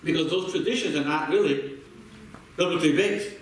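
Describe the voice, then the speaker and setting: A man preaching with a high voice that rings through a very echoey sanctuary, picked up from well back in the room. He stacks repeated words as he builds each point and keeps calling on the congregation to respond. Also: a little fast, recorded from a distance. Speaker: pastor. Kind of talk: sermon with call-and-response. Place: church sanctuary.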